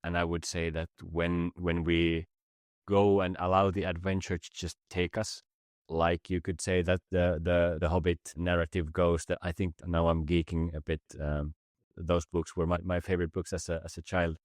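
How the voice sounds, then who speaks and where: A Finnish business facilitator, a native Finnish speaker, reflects slowly as a podcast guest in a thoughtful conversation. His deep, flat voice halts as he searches for ideas, often stumbling and repeating words, and the recording is dry with no room echo.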